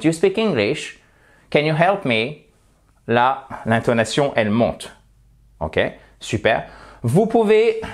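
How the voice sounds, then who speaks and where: A man from near Saint-Étienne with a French accent, teaching English pronunciation in a video lesson at a desk microphone, playfully exaggerating mispronunciations. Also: medium pitch. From France, near Saint-Étienne.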